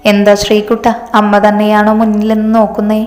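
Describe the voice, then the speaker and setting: A woman's voice: mid-range voice, monotone, fairly quick, a little mellow, echoey room, in a large hall, natural voice. A woman voicing a bitter, vengeful middle-aged mother who talks with scorn and grief, in a storybook reading. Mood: scornful grief.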